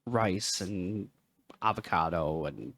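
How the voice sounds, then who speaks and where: Man, podcast co-host, casual chat, playful and jokey, gets loud at times. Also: deep voice, slow, gravelly, slight background noise. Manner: joking, playful, loud bursts.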